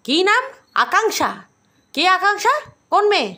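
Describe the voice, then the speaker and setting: A woman's voice: very high-pitched, very animated, brisk, sharp tone, exaggerated voice. A woman playing a nosy mother who scolds and questions her two children in a comedy sketch. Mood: scolding.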